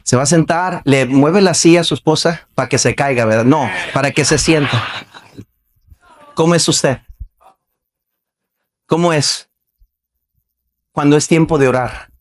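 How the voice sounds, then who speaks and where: A man's voice: fairly high pitch, a little slow, long pauses. A male pastor preaching a Baptist sermon in a conversational way, asking the congregation question after question and acting out quoted voices. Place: church sanctuary.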